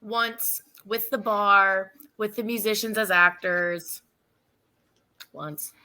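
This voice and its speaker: Slow, bright, lively-voiced woman. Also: medium pitch. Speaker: guest, cast member. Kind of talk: casual chat.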